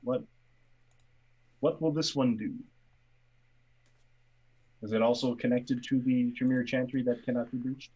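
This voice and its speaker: A man playing a blunt, probing vampire mercenary in a tabletop game, deliberate and repeating his words. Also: medium pitch, steady tone, warm tone, breathy edge, muffled recording. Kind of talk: tabletop role-play acting.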